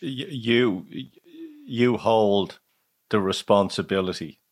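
A male host with a fairly low voice keeps the interview informal. His speech stops and starts as he works out what to say next. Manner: casual, halting, many restarts. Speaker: podcast host. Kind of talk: conversational interview.

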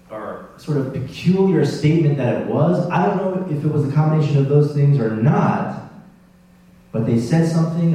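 A man preaching a sermon in a relaxed, conversational and self-deprecating way, with many restarts. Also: mid-range voice. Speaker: pastor. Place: church sanctuary. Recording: roomy, distant church mic with hum.

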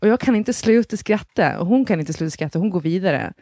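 A woman's voice: fairly low pitch, expressive, warm tone, no echo, clean studio sound. A woman in her thirties, co-hosting a podcast, telling a story in casual chat with lots of laughter and casual swearing, acting out other people's lines. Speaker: podcast co-host.

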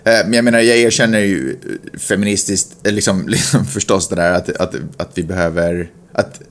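A man's voice: deep voice, fairly even intonation. A man with a Stockholm Swedish accent, co-hosting a podcast in casual discussion, thinking aloud and rephrasing as he goes. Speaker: podcast co-host.

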